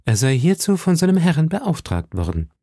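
A man voicing a gallant, poetic young musketeer who speaks in a measured, courtly way. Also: fairly high pitch, big pitch swings, mellow, dry recording, studio quality, voice pushed up.

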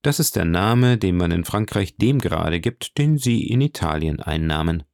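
A man reading aloud voices a polished count who speaks smoothly and with calm authority. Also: sits low, moderate pace, no room sound, studio quality. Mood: assured, courteous. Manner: smooth, assured and courteous. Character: suave commanding count, polished and smiling.

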